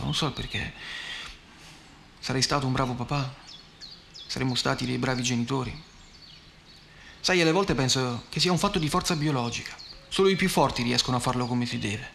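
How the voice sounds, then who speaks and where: A man in his thirties narrating a first-person story in a gentle, conversational, wry way. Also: medium pitch, gravelly, slight background noise.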